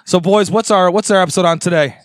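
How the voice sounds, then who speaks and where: A man's voice: high voice, fast, dry recording, clean studio sound. A man co-hosting a podcast, chatting with his friends in a playful, teasing way. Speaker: podcast co-host. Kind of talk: casual joking chat.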